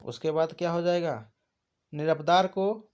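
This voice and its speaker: A man's voice: a little high, a little slow, a little mellow, clean tone. A man teaching an exam prep lesson, asking questions and answering them himself. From India.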